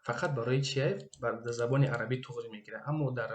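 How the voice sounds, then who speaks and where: Tajik-accented male Arabic teacher, patient, repeats and translates each phrase, mid-pitched voice. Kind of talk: recorded Arabic grammar lesson.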